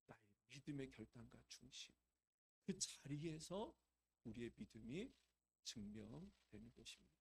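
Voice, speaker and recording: A middle-aged man, a pastor, preaching a sermon in a conversational way, asking the congregation questions and swinging from hushed to loud. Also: on the high side, gravelly.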